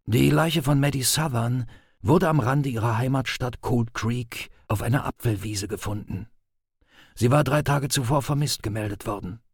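A man narrating audiobook passages in a measured, grave storytelling voice. His tone carries a gravelly edge and a husky grain. It is recorded dry and close, with no room sound. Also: mid-range voice, no echo. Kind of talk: scripted narration of audiobook excerpts.

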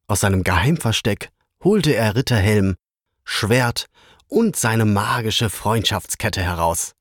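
A man reading a children's story aloud in a lively, expressive way. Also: on the low side, slow pace, dry recording, studio quality.

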